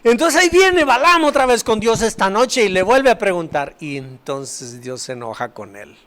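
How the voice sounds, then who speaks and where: A man's voice: sits high, lively intonation, moderate pace, fairly bright tone. A man, a pastor, preaching a sermon and animatedly retelling a Bible story. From Mexico.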